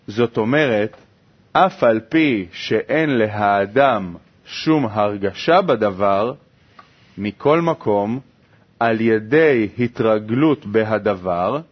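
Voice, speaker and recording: A man reading a text aloud in a study lesson, in a quick, steady recitation. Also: fairly low pitch. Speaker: reader. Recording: dull lo-fi recording.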